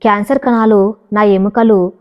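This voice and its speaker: A woman's voice: mid-range voice, steady tone, normal speed, natural voice. A woman reading as an anguished dying young husband. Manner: pleading, broken speech. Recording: dull, reverberant recording.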